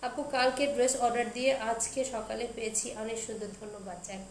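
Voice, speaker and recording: A young woman with a Bangladeshi Bengali accent, slowly and softly chatting through a live clothing sale and reading out viewers' comments. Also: fairly high pitch, steady tone. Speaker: online clothing seller hosting a live sale. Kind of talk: casual live-stream sales talk. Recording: roomy echo with faint background noise.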